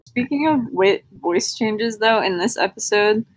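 A woman's voice: medium pitch, measured pace, dry recording, rough recording. A young woman in casual fan chat, joking and acting out lines. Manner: expressive, jokey, quotes people. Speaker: podcast co-host. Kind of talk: casual chat among fans.

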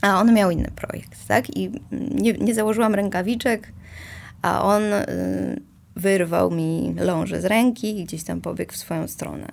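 A woman's voice: medium pitch, steady tone, measured pace, gravelly. A woman in casual conversation, talking reflectively and self-mockingly, with many hesitations and small laughs.

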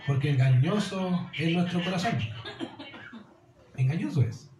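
A man's voice: fairly high pitch, expressive, measured pace, a little mellow, roomy sound, soft background music, rough recording. A man preaching a sermon as pastor, earnest and direct, often calling listeners "querido".

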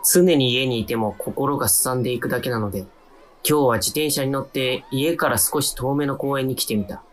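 In a radio drama inner monologue, an actor voices a timid young adult narrator-protagonist who makes wry jokes at his own expense. The delivery is brisk and medium-pitched, close to an everyday voice.

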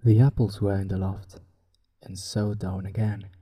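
In a low voice with little pitch movement, a native Spanish-speaking man with a Spanish accent reads bedtime stories and offers calm talk as a sleep podcast host. He sounds soft, breathy, and husky, speaking in a hushed, leisurely way that drifts into whispering.

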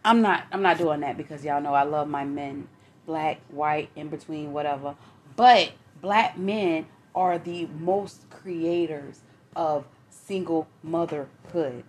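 A woman's voice: sits low, slow pace, a little hiss or hum. A woman with a New York accent co-hosting a podcast, frank and profane, often cutting in with apologies. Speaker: podcast co-host. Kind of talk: casual chat.

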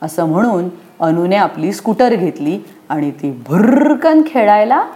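A woman's voice: lowish voice, measured pace. Woman reading a children's story aloud. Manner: expressive, lively storybook narration.

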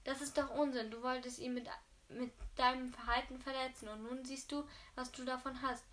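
A woman's voice: sits high, level tone, moderate pace, a bit bright. A woman voicing a haughty mistress of the house who scolds her servants indignantly. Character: haughty, shrill lady of the house.

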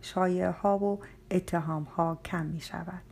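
A sly, motherly older matron confides in a low, soft voice, as a woman narrator reads her lines. The tone is husky and a little gravelly, with a hushed, breathy edge that suits a storybook reading. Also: fairly even intonation. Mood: confiding. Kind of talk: audiobook character voice.

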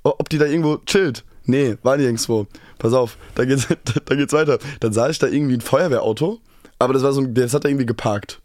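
A man's voice: medium pitch, fast, no echo, clean studio sound. A young man co-hosting a podcast, telling a story casually and with animation, sometimes mumbling. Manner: animated storyteller, mumbles at times, drops to a whisper. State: tired, late at night. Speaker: podcast co-host.

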